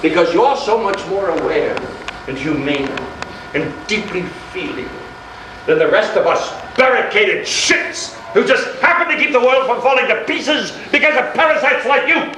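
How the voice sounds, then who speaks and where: In a stage play, a male actor with a high, bright, forceful and expressive voice speaks at normal speed as a sarcastic, menacing married middle-class man. He needles theatrically, intense and accusing, in a noisy, echoey, distant live recording.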